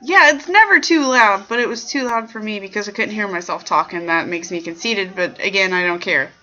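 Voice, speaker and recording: A woman's voice: mid-range voice, a little fast, sharp tone. A young adult woman hosting a casual livestream chat show, rambling playfully and greeting viewers in the chat. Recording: dull lo-fi stream audio with faint background music.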